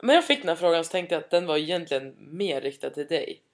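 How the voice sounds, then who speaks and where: A young woman, co-hosting a casual podcast chat, hesitant and self-mocking, quick to laugh. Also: deep voice, lively intonation. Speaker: podcast co-host.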